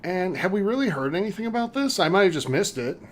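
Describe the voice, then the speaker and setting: A man's voice: high-pitched, sing-song, quick pace, a little hiss or hum. A man hosting a casual podcast chat, upbeat, leading the talk and putting questions to his co-hosts. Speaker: podcast host.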